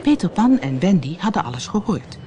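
An expressive reader narrating a children's storybook, with faint background ambience. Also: medium pitch, a little fast, background noise. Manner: expressive, animated.

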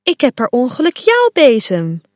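A shrill, sharp-voiced young witch girl from a children's storybook, as a woman reads her, high and shrieking with a swooping tone, close and dry. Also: huge pitch swings, normal speed, dry recording. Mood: sweet.

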